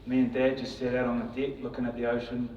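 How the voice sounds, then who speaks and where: Flat-voiced son at a funeral. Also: male voice, medium pitch, crowd noise. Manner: flat, halting and tender. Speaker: son giving a eulogy. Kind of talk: emotional funeral tribute. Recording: dull, distant, echoey sound.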